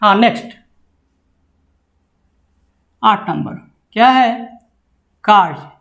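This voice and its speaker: A man's voice: high voice, lively intonation, takes it slowly, creaky, a bit bright. A male physics teacher lectures at a board. He keeps firing rhetorical questions at his students and answers them himself. His voice rings in an echoey classroom. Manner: drilling with constant rhetorical questions.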